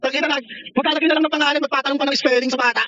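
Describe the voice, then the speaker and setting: A man with a very high, fast voice taunts rival players over game voice chat, laughing and cursing between his jabs. The mocking never lets up. The sound is a little muffled, with faint noise underneath. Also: steady tone, bright, forceful tone. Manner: mocking and taunting, laughing often, swearing freely. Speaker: online gamer. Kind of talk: trash-talking game voice chat.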